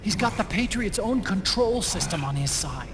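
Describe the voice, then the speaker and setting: A man's voice: high-pitched, lively intonation, normal speed, noisy background. A man playing an anxious, intellectual tech-expert sidekick in a video game. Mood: despairing, pleading. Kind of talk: video game cutscene dialogue.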